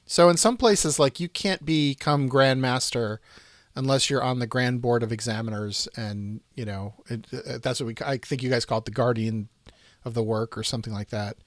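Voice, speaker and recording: A man's voice: mid-range voice, normal speed, dry recording, studio quality. A man co-hosting a podcast, chatting casually and wryly while prompting the others. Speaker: podcast co-host.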